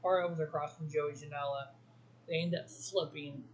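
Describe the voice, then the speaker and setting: A man's voice: fairly high pitch, steady tone, normal speed, highs cut off. A man hosting a wrestling review show, giving blunt opinions in a casual solo talk full of ums and restarts.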